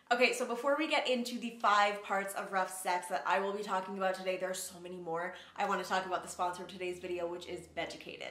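A woman's voice: medium pitch, fairly bright tone. Frank, chatty young woman in echoey room. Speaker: sex education vlogger. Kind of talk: casual educational vlog talk. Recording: roomy echo.

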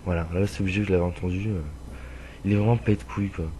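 A young man with a stuffy nose casually commentating a truck-driving game, rambling with lots of fillers and swearing, with loud bursts of frustration at other drivers. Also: low voice, fairly even intonation, fast talker, slight background noise. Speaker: gameplay commentator. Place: home room with a dog playing nearby.

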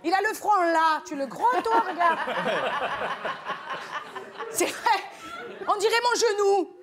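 A loud flirty tunisian auntie, really high voice, gossipy and rambling, studio crowd laughing behind. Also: female voice, takes it slowly. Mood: flirty gossip. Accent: Tunisian French. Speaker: comic guest. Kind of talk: TV comedy sketch character.

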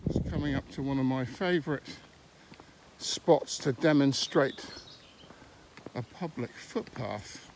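Here a walking vlogger, a middle-aged man from England, talks casually while recording his countryside walk on a handheld phone, stopping mid-sentence now and then. His pitch is medium, with faint outdoor noise audible.

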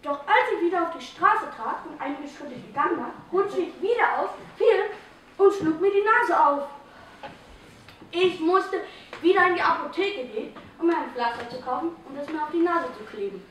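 A woman's voice: very high voice, animated, moderate pace, a bit bright, a little hiss or hum. A woman playing a clumsy, exasperated storyteller. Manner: dramatic recitation with voiced quotes. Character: hapless woman telling of falling on ice again and again. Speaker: stage actor in a school theatre group. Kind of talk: theatrical first-person storytelling. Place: stage in a hall. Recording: echoey hall from far off.

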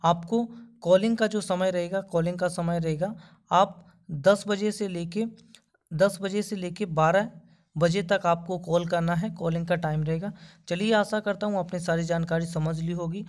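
A man's voice: high voice, fairly even intonation, moderate pace. A man hosting a job-vacancy channel, giving a voice-over announcement and repeating instructions step by step. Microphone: voice-over over screen notes.

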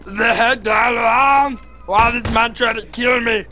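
A young man hosting a casual gameplay video, excitable, shouting and goofing around as he plays. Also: very high voice, slow, faint music behind. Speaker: gaming video host.

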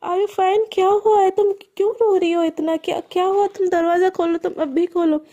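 A woman's voice: extremely high pitch, fairly even intonation, normal speed, gravelly, warm tone. A woman narrator voicing a caring young woman who pleads and fusses with rising worry. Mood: alarmed.

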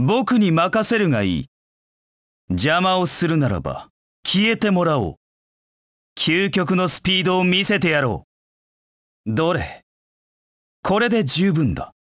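A man's voice: on the high side, a bit bright, no room sound, clean studio sound. An actor playing a proud, cold hedgehog knight in a Japanese video game, curt and disdainful in his delivery. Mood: haughty, confident. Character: proud, cold anthropomorphic hedgehog knight, a brooding young male rival.

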